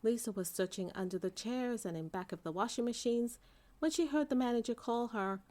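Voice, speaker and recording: A woman's voice: on the high side, fairly quick. Woman reading a children's storybook aloud. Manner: expressive storytelling, character voices for dialogue. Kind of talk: read-aloud bedtime story narration for children.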